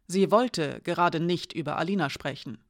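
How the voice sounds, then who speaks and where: A woman narrating a novel in a calm, measured reading voice. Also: sits low, no echo, studio quality. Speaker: audiobook narrator. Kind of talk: scripted narration.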